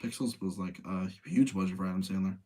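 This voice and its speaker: A low, dark-toned voice with fairly even intonation belongs to the fast-talking host of a live show ranking video game movies. He chats casually and informally with listeners, offering his own opinions freely.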